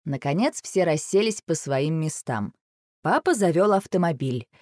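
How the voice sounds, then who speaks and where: A woman's voice: low-pitched, moderate pace, no room sound. Woman reading a kids story, lots of up and down in her voice, dry close sound. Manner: expressive. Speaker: narrator. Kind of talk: storybook read-aloud.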